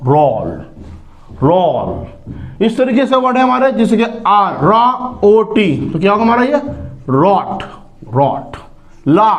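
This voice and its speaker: A man teaching phonics in a classroom-style lesson, speaking, slowly spelling out letters and sounds and asking rhetorical questions. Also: high-pitched. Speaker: English teacher.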